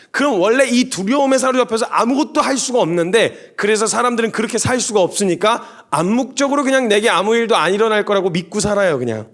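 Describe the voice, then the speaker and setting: A man preaching a sermon to young adults, animated and storytelling with humorous asides. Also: high-pitched.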